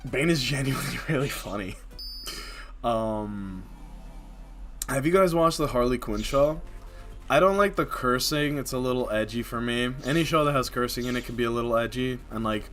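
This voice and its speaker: A man with a medium-pitched voice chatting loosely with his viewers while he plays a game. He rambles, leans on filler words and laughs often, with faint music playing behind him. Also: a bit bright. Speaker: game streamer. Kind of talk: casual live-stream chat while gaming.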